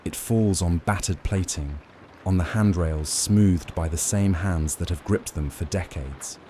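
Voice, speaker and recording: A man giving a slow, soothing scripted bedtime narration in a gentle, measured, lulling manner. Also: low-pitched, a little hiss or hum. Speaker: narrator of bedtime lore stories.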